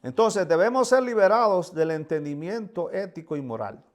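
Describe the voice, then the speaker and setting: A man's voice: high-pitched, lively intonation, normal speed. A man preaching a sermon with fervor, voicing pleading prayers and often repeating words.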